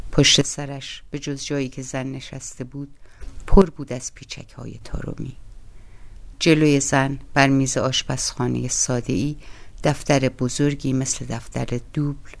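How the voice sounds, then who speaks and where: A woman reading a novel aloud as narrator, in a calm, measured storytelling voice. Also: very deep voice, vocal fry. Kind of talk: audiobook reading.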